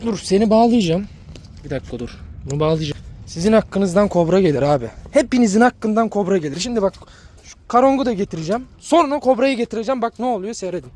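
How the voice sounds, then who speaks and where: A man with a high but mellow voice talks casually to his viewers in a vlog. He speaks straight to his dogs and often repeats the same phrases. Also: animated, fast. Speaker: dog breeder vlogger.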